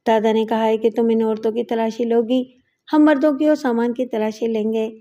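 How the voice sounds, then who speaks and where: An armed male gang henchman, as a woman narrator does him, insistent and nagging in a storybook reading, pitched high and a little louder, with a mellow tone. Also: fairly even intonation, dull audio, natural voice.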